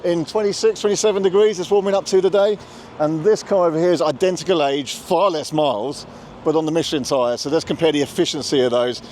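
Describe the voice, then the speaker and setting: A man's voice: on the high side, fairly even intonation, fast, a little mellow, a little hiss or hum. A man with a South London accent hosting a casual car vlog, chatty and explaining things step by step, from inside a car and at a charging station. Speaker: vlog host.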